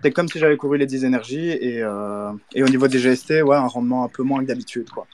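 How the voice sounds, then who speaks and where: A man's voice: medium pitch, fast, a little mellow. A man calling in to a chat, casually recounting his experience in short, piecemeal phrases. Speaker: caller. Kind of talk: casual account of a problem.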